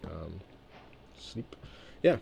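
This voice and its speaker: A man in his twenties from Trinidad and Tobago gives casual let's-play commentary in a low voice with big pitch swings and vocal fry, speaking very slowly. He rambles and thinks aloud between chatty stories about himself. Background noise can be heard.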